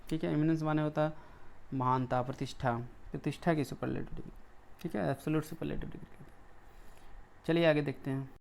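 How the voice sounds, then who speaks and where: Indian man teaching grammar, smooth voice. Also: on the high side, fairly even intonation, quick pace, long pauses, darkish tone. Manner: explains step by step, often checking in with "ठीक है". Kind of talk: classroom grammar lesson.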